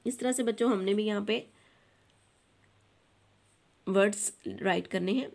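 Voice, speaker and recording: A woman tutor with a Pakistani accent, going through a textbook lesson for children. She reads each English line slowly and then explains it in Urdu. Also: medium pitch, gravelly, darkish tone. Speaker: online tutor.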